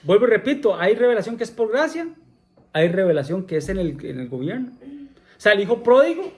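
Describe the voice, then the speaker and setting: A man's voice: high-pitched, big pitch swings, a little fast. A man preaching a sermon in a church, often repeating himself, asking the congregation questions and saying amén between points. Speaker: pastor.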